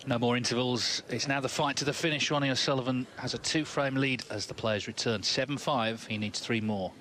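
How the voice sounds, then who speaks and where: A man's voice: mid-range voice, fairly even intonation, a little fast, fairly bright tone. A man giving snooker commentary as a television commentator. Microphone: commentary microphone. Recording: noisy arena with crowd sound. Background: crowd and arena noise.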